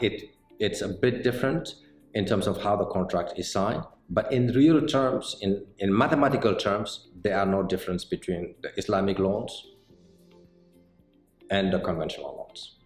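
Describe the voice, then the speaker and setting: Being interviewed about his banking job, a middle-aged man from Senegal speaks in a very low voice, carefully explaining and frequently hesitating with "uh." He works as a mortgage banker, and the setting is an office set with bookshelves, where roomy acoustics carry faint soft music.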